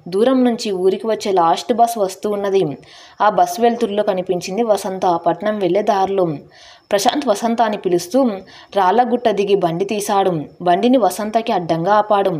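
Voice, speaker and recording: A woman's voice: mid-range voice, brisk, darkish tone. Woman narrating a dramatic story.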